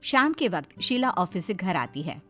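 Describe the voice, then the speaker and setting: A woman narrating an animated family story in a plain, matter-of-fact way. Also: on the low side, normal speed, soft background music.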